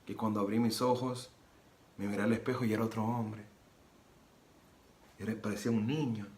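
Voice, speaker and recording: A man's voice: lowish voice, fairly even intonation, normal speed. Earnest man, roomy echo. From Nicaragua. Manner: earnest, repeats phrases, re-enacts dialogue. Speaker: preacher giving testimony. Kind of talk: personal religious testimony. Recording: roomy echo with soft guitar music.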